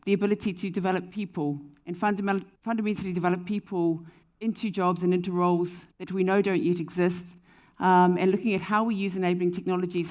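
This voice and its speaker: A New Zealand woman with a flat, low voice answers a question during a panel discussion on a conference stage before an audience. She is a panelist and company founder, speaking fluently but with frequent "um" fillers.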